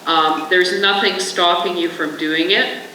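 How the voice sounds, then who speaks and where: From the audience at a panel in a large conference hall, a woman who is a school trustee makes an earnest, rambling point. Her low-ish, sharp voice is fairly even and a little slow, recorded from a distance in the echoey hall with slight background noise.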